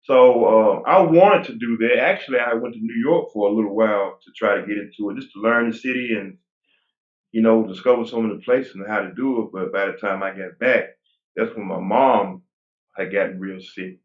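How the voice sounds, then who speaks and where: This guest bodybuilder, a man in his forties, has a lowish voice at normal speed. His casual interview talk is relaxed and meandering, full of restarts, heard through a tinny phone-style line that echoes in the room.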